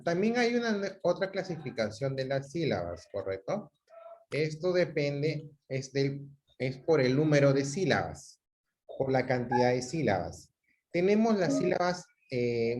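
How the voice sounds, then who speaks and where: A man from Peru teaching a class over a video call, patiently repeating examples and checking that students follow. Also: on the high side. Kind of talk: online class lecture.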